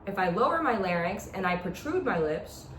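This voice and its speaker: A very animated, somewhat bright medium-pitched voice belongs to a woman teaching about a talk box at normal speed. Her informal lecture demonstrates each step, captured by a distant mic in an echoey space with background noise.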